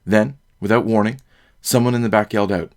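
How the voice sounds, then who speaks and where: A man narrating a solo tabletop fantasy game in steady, descriptive storytelling. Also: fairly low pitch, fairly quick.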